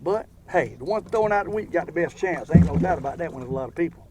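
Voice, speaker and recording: An older man with a high-pitched voice and a Southern US drawl talks in a folksy, rambling way. He sounds like he is hosting a casual fishing video from a boat, with faint outdoor water noise behind him. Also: lively intonation, quick pace, mellow. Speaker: fishing show host.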